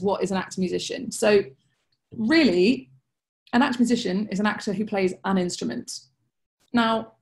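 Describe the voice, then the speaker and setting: A young woman answering viewer questions on a video call, her mid-range voice carrying a gravelly edge. She talks chattily and earnestly, stacking fillers and restarting sentences. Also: medium pitch. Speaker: guest speaker answering audience questions. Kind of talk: webinar Q&A talk.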